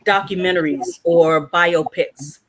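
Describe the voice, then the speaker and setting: Hosting a relaxed panel discussion, this Washington, D.C. woman talks at a slow pace in a fairly low voice. She tells stories with animation, performing the quoted lines herself.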